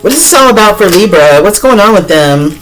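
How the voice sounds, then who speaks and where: A woman's voice: mid-range voice, animated, a little fast, faint music behind, poor audio. A woman, chatting directly to viewers in a casual tarot reading, with many fillers. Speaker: tarot reader.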